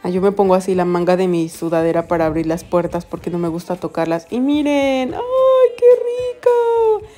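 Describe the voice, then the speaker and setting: A woman's voice: lowish voice, flat delivery, fast talker, few pauses, warm tone. A young woman with a Mexican Spanish accent, chatting to her viewers in a casual vlog as she walks around town, telling stories with lots of giggles and exclamations. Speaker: vlogger. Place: walking around a quiet town center, then a café.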